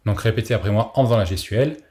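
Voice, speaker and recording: A man's voice: fairly low pitch, racing, dark tone. A man teaching a recorded language lesson, explaining patiently and modeling pronunciations for the listener to repeat.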